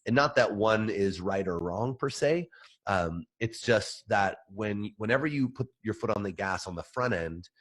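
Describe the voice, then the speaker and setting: A man hosting a podcast in casual chat, his voice nasal and stuffed up from a cold, relaxed and full of fillers. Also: lowish voice, normal speed. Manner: relaxed, filler-heavy, friendly. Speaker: podcast host.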